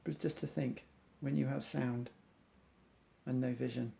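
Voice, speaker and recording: A man's voice: medium pitch, steady tone, measured pace, gravelly, warm tone. A man, an amateur athlete, earnestly reciting an inspirational monologue in loose rhymes.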